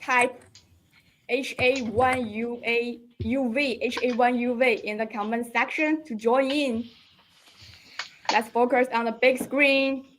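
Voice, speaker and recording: A woman's voice: fairly high pitch, steady tone, slow, slight background noise, rough recording. A woman hosting a live product launch stream, promoting a deal and urging viewers to join a giveaway.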